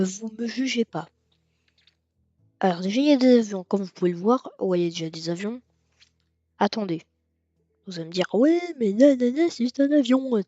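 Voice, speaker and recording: A man giving casual let's-play commentary on a racing game, rambling and hesitant with lots of fillers and sudden excited outbursts. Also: high voice, dry recording. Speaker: gaming video creator. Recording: dull lo-fi mic with faint music.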